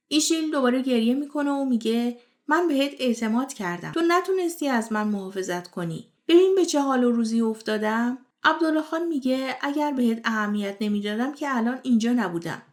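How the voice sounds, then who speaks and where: A woman hosting a channel, reading a scripted retelling of a TV drama episode and passing on each character's words as reported speech. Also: high voice. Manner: steady storytelling voice, relaying characters' lines as reported speech. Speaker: series recap host. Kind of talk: scripted narration retelling a TV series.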